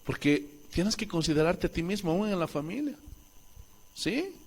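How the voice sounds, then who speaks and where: A man with a Bolivian Spanish accent preaching a sermon as pastor in a church, asking the congregation questions and swinging between loud calls and soft asides. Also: high-pitched, very animated, normal speed, vocal fry, breathy edge.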